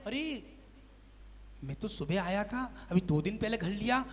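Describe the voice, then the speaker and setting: High-voiced monk preaching in an echoing hall. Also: male voice, unhurried. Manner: animated storyteller, acting out household characters. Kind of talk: sermon with storytelling. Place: temple hall before a seated congregation. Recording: long hall reverb.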